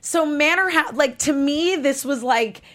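Female talk show host, higher-pitched, casual and conversational, says "like" a lot. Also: a little slow, a bit bright. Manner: conversational, peppered with "like". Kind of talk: casual, chatty hosting.

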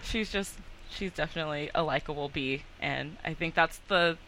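A woman hosting a casual TV recap chat on a headset mic, chatty and quick to giggle, with lots of fillers. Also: deep voice, bright, forceful tone, a little hiss or hum, rough recording. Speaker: aftershow host.

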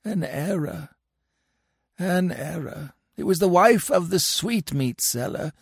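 A sanctimonious old crocodile, put on by a man, pitched higher and louder than the narration. He lingers slowly over each pious phrase, and his voice swoops up and down with gravelly rasp underneath. The sound is close and dry. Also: expressive, no room sound, heavily acted. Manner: gentle, preachy, drawn-out.

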